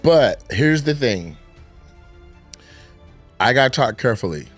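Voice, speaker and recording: A man comedian as a guest in casual chat, playful and animated, hedging carefully when giving opinions. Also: mid-range voice, a little slow, faint music behind.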